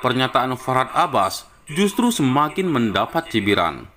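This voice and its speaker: A man narrating a news report in an even, formal reading. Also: mid-range voice, moderate pace.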